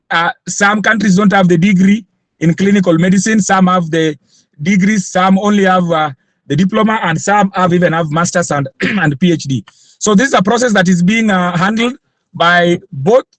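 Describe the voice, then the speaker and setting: Man panelist with a high voice, hesitant delivery, dry close sound. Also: a bit bright, dry recording, poor audio. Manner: halting, with many fillers. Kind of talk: panel discussion.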